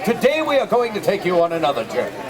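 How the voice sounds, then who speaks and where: High, proclaiming King Gaspar, played by a man. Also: huge pitch swings, fast talker. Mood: grand. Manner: loud, proclaiming. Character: grand proclaiming Gaspar, Magi king of Tarsus. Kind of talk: theatrical live storytelling. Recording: outdoor crowd noise.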